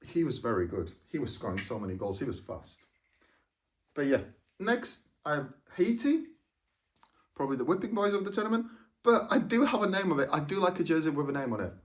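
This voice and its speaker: A man's voice: a little high, big pitch swings, fairly quick, recorded from a distance. Rambling young man, a bit off-mic. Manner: rambling, lots of fillers and self-corrections. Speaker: football vlogger. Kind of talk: casual chat.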